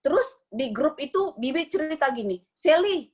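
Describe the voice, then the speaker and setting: A woman's voice: a little high, fairly quick, a bit bright. A woman giving a casual personal testimony at a family worship service, talking in a chatty storytelling way. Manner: chatty storytelling, calls herself "kakak".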